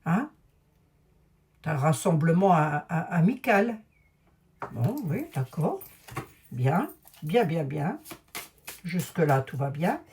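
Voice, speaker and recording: With a warm, lowish voice and a Lorraine French accent, a clairvoyant YouTuber paints a room at home and chats away to her audience. The monologue is casual and digressive, aimed squarely at the people watching.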